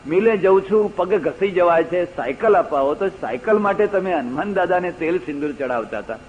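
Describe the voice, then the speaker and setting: An older man with a Gujarati accent delivers a religious discourse full of anecdotes, slipping into the voices of the people in his stories. His voice sits somewhat high, and the recording is dull and lo-fi like an old archival tape. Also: animated, moderate pace. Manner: storytelling, acts out quoted voices, rising emphatic stresses. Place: lecture hall.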